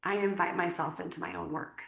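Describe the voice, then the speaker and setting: A woman's voice: fairly low pitch, fairly even intonation, fairly quick, vocal fry, a bit bright. A woman teaching a small group in a casual, chatty way, laughing often and using many fillers. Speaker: workshop teacher. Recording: echoey room.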